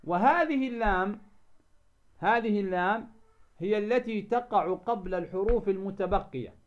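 A man teaching a lesson on recitation rules. He asks the class questions for them to finish and slows down to sound out example words. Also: high voice. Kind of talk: tajweed lesson explaining a didactic poem. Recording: dull lo-fi recording.

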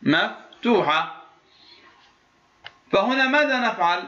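A man teaching the rules of Quran recitation. He explains a rule poem line by line, asks prompting questions and answers them himself, and demonstrates short and long drawn-out vowels aloud. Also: high-pitched, animated, pushed and bright. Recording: echoey, dull lo-fi recording.

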